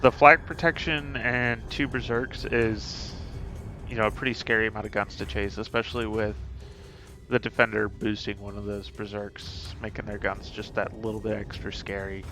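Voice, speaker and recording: Low-voiced man streaming, thinking aloud. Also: level tone, pushed and bright, soft background music. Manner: thinks aloud with many fillers and pauses. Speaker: game streamer. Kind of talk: casual strategy talk while streaming.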